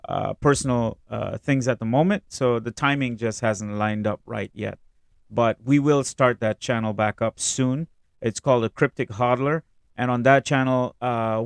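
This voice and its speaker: A man hosting a reaction video, talking casually in a halting, rambling way. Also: mid-range voice, smooth, no echo, clean studio sound. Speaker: video creator and host. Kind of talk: reaction video commentary, casual vlog talk.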